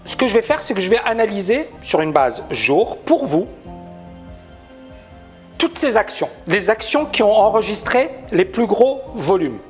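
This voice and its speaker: Male trading educator on a live stream, animated, emphatic, keeps asking the audience questions, faint music underneath. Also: high-pitched, measured pace. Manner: talks to viewers, asks many questions. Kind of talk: live-stream market analysis.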